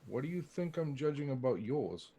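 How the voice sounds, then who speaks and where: A man playing a tabletop role-playing game, improvising dialogue in a wry, halting way. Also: medium pitch, big pitch swings, dark tone, husky. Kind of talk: improvised in-character table talk.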